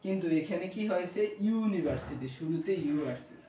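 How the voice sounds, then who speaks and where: A man's voice: high voice, animated, fairly quick, warm tone. Bangladeshi guy teaching grammar, asks then answers himself, kinda far from the mic, faint hum behind. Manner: asks the class questions and answers them himself. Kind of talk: classroom grammar lesson. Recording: echoey room, voice from far off.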